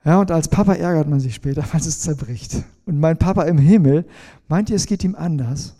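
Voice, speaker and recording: A middle-aged pastor delivers a lively sermon in a mellow, warm voice that sits a little high for a man. He keeps turning to his listeners with questions and demonstrates with props as he explains. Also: a little fast. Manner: lively preaching, asks the congregation questions, shows a folding rule.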